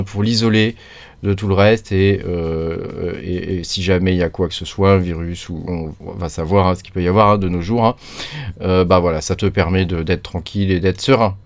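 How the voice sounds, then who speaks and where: A man's voice: low-pitched, no room sound. A man hosting a casual screen-recorded tutorial, rambling and chatty with many fillers, recorded close on a desktop mic. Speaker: crypto tutorial host.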